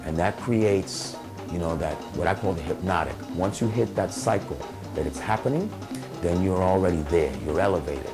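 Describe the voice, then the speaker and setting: A man with a low, gravelly voice recounts old stories in a casual, animated way for a documentary. Soft music sits faintly under him. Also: normal speed. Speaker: interviewee. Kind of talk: documentary interview, storytelling.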